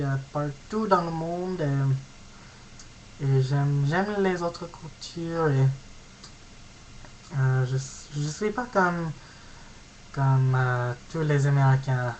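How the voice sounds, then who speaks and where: A young man from California in his late teens with an American accent, a native English speaker giving a halting, casual self-introduction on his vlog as he searches for words. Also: a little high, darkish tone, a little hiss or hum, poor audio. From California, USA. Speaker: vlogger.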